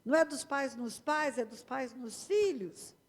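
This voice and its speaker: A woman's voice: high-pitched, animated, unhurried. A woman pastor with a Brazilian accent, preaching emphatically and speaking directly to the congregation in a church hall. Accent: Brazilian Portuguese. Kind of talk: sermon.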